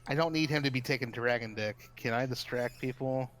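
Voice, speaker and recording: A man playing a tabletop game, animated and prone to loud laughter. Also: medium pitch, fairly quick. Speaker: player. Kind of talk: casual game chat. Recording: faint room noise.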